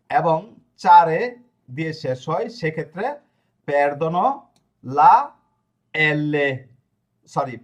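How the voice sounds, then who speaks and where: A man's voice: on the high side, muffled recording. A man teaching a grammar lesson to a class, explaining step by step and often asking if students follow. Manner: explanatory, checks understanding with frequent questions; spells out verb endings slowly. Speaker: language teacher.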